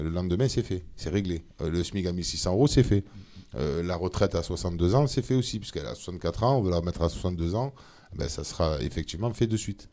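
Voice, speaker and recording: A man, a member of parliament, talking as a guest in a casual interview, animated and full of hesitations. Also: low-pitched. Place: studio of a streamed show.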